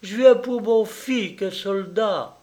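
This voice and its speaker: A man's voice: high-pitched, slow pace, darkish tone, pitched above the performer's own voice. A man voicing a timid old peasant woman who pleads in rustic speech.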